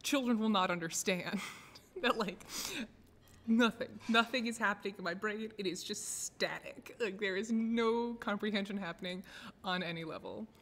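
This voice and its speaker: An American woman chatting on a live stream from an office. She laughs often and pokes fun at herself, and her voice sits at a middle pitch for a woman. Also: moderate pace, fairly bright tone, long reverb tail. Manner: laughs often, self-deprecating. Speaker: streamer host. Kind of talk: casual live-stream chat.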